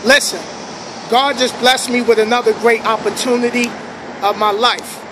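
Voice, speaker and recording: A man's voice: extremely high pitch, fairly even intonation, normal speed. A man in his thirties with a New York accent, from the Bronx, hosting a casual vlog in upbeat street slang, filming himself on a phone at night on a city sidewalk under an elevated train. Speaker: vlogger host. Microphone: phone camera at arm's length. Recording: loud passing train noise outdoors.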